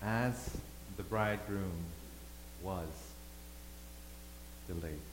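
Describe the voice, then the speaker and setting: A man who grew up in Thailand, preaching a sermon as pastor, swinging between loud emphasis and quiet asides. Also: low-pitched, extremely slow. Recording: echoey hall, faint hum.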